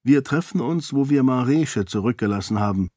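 Young nobleman, commanding and urgent, raised and loud, voiced by a man, dry studio audiobook. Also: mid-range voice, expressive, moderate pace, no room sound, natural voice. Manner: commanding, pressing. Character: quick-witted young nobleman, urgent and scheming. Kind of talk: audiobook character voice.

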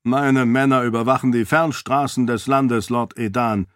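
A man lightly acts the part of a proud, soldierly lord who answers curtly and earnestly, pitching his natural voice higher than his own. His voice is medium in pitch at a moderate pace, recorded dry with clean studio sound.

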